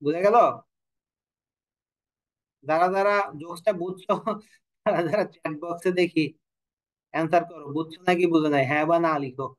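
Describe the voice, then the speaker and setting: A man's voice: a little high, fairly even intonation, a little fast, pauses often, rough recording. A man teaching an online language class, explaining rules, asking his students questions and telling a joke now and then. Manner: explanatory, asks students questions, tells jokes. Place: online class from home or studio.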